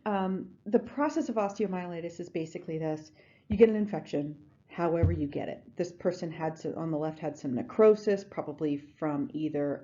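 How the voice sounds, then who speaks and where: A woman's voice: on the low side, dark tone, muffled recording. A woman giving a recorded lecture in a conversational way, with frequent ums and restarts. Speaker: instructor.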